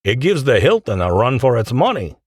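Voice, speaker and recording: A man's voice: mid-range voice, sing-song, brisk, a little mellow, husky, no echo, studio quality. A man doing a formal Russian scientist in his fifties. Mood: courteous. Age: 50s. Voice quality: heavy accent, formal phrasing. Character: mid-fifties Russian lead scientist, courteous host.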